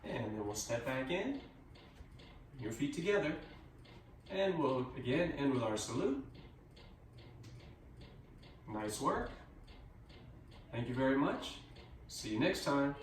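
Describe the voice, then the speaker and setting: Here a tai chi instructor, a man of mid-range pitch, calmly cues each movement in measured steps. The recording is distant and echoey, with a little noise underneath.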